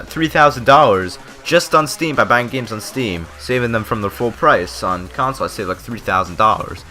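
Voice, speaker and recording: A man's voice: mid-range voice, bright, forceful tone. A man giving casual, rambling, unscripted gaming commentary, stumbling over words a little, his lip still numb from dental Novocaine. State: lip numb from dentist's Novocaine, speech slightly off. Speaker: gaming video creator giving opinions.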